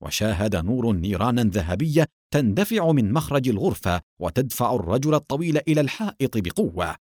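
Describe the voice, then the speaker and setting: A man narrating an audiobook novel in an expressive storytelling manner. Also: medium pitch, fairly quick, dry recording, studio quality.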